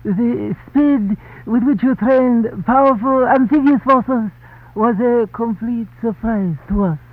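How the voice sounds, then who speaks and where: An actor playing a defeated Japanese navy captain giving a statement in a 1940s radio dramatisation. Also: male voice, extremely high pitch, slow, heavily acted. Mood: grave admission. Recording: tinny old radio broadcast.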